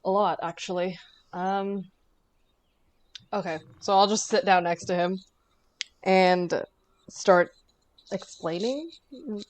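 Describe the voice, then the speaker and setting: A woman's voice: mid-range voice, takes it slowly, pauses often, poor audio. A young woman playing her character in a tabletop game, speaking hesitantly with many fillers. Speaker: player.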